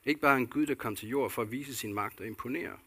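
A man preaches a sermon in a gravelly, husky voice with a bright, forceful edge. He talks earnestly, asking rhetorical questions and repeating phrases for weight. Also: mid-range voice. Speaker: pastor.

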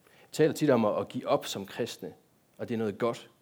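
A man's voice: on the low side, a little mellow. A man giving a sermon in a church, talking directly to the congregation and asking them many rhetorical questions. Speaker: pastor.

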